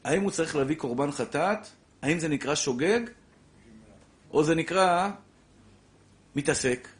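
A man teaching a lively religious law lesson to a class, repeating his points and acting out little scenes. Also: fairly high pitch. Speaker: Torah teacher.

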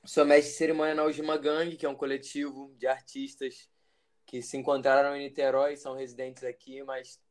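A man in his twenties from Brazil, a musician guest talking in a relaxed, reflective way about his path. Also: medium pitch. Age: 20s. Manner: relaxed, reflective, rambling with fillers. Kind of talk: casual interview.

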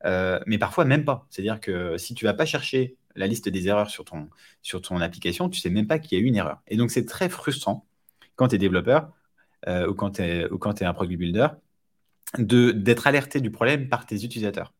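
A man with a fairly low voice talks as a podcast guest. He explains in a relaxed, conversational way, with frequent hesitations and repeated words. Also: fairly quick. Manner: hesitant, many fillers and restarts. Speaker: startup founder guest. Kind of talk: casual podcast interview.

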